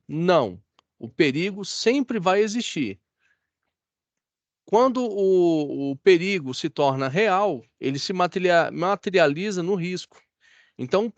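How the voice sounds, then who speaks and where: A man's voice: sits high, dry recording. A Brazilian man teaching a classroom lecture, chatty and often asking the class if they follow. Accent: Brazilian Portuguese. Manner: chatty, asks the class for agreement.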